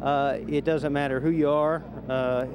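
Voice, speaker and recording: A man's voice: fairly high pitch, level tone, unhurried. A man field reporter speaking live from a street, hesitant with many fillers. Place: outdoors on a busy street. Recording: crowd noise around.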